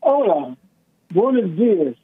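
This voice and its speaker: An older man calling in to a talk radio show on speakerphone, talking in a halting, hesitant way. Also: high voice, big pitch swings, slightly rough, no echo. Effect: on speakerphone over a phone line. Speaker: caller. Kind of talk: call-in radio chat. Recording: tinny speakerphone line.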